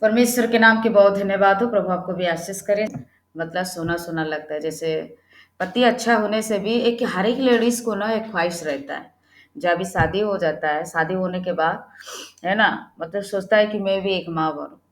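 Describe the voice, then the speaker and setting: A woman's voice: mid-range voice, moderate pace. A woman leading an online prayer meeting, talking in a chatty way and often asking her listeners to agree. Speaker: prayer leader. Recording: roomy echo.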